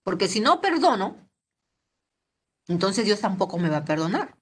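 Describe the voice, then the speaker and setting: A woman's voice: medium pitch, very animated, moderate pace, slight background noise. A middle-aged woman teaching a Bible lesson to teenagers over a video call, chatty and ending many sentences with a questioning "¿no?". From Peru. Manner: conversational, tags most sentences with a questioning "¿no?".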